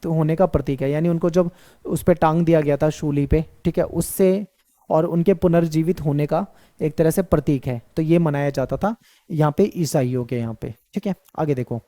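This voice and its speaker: Man, teacher, lecture, mellow tone, repeats key points, asks and answers his own questions. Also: fairly high pitch, moderate pace. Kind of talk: exam-focused lecture.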